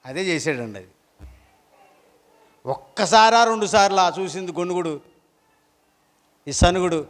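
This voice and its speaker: A man's voice: high voice, lively intonation, a little slow, a bit bright, long reverb tail. A pastor preaching a sermon, throwing rhetorical questions at his congregation.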